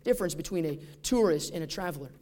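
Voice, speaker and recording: Male pastor, high-pitched, conversational sermon delivery with rhetorical questions. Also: lively intonation, fast talker, mellow.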